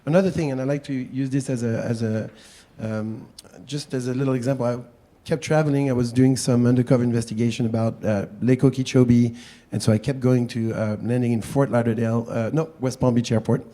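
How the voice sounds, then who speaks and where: A man with a French accent talks to a public panel in a soft-edged, mellow tone. His delivery is chatty and self-deprecating, like an activist explaining things informally. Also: medium pitch, fairly even intonation, brisk. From France. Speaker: panel speaker, wildlife activist.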